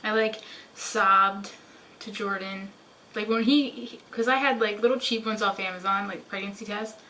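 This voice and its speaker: A woman's voice: mid-range voice, steady tone, moderate pace, pushed and bright, rough recording. A young woman chatting casually in a vlog, full of "like" fillers, talking at home. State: out of breath at the start. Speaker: vlogger. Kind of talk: casual pregnancy update vlog. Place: home, living in England.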